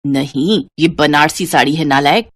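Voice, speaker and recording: A woman voicing a sharp-tongued middle-aged mother who scolds her daughter in a lower voice. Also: moderate pace, dry recording, clean studio sound. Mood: scolding. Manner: nagging, scolding.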